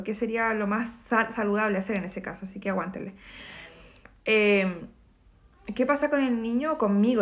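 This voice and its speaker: A woman therapist, explaining emotional wounds in a talk to camera and acting out short quoted voices. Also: fairly high pitch.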